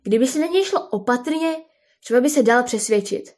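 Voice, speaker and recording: A woman doing a calm, sensible llama. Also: on the high side. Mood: reasoning. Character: cautious sensible female llama. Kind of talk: storybook reading.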